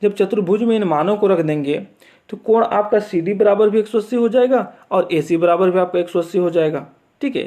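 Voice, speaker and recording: A man's voice: high-pitched, a little mellow. A man teaching math, walking students through a board exam assignment step by step and checking in often as he goes. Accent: Chhattisgarh Hindi. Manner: repeats steps with frequent "theek hai" check-ins.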